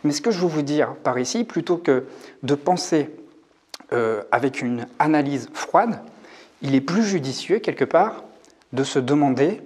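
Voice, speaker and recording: A man in his forties, a coach talking to camera in a reflective, hesitant way, often pausing to think aloud. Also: mid-range voice, darkish tone, slightly rough. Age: 40s. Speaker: YouTube coach on hypersensitivity. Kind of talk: casual talk to camera. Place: rented room.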